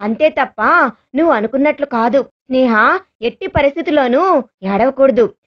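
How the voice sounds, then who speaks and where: A soft, reassuring young man, as a woman storyteller reads him in a high voice. He speaks in a gentle, caring tone over a dull, lo-fi recording. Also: lively intonation, normal speed. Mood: tender. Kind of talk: read-aloud story dialogue.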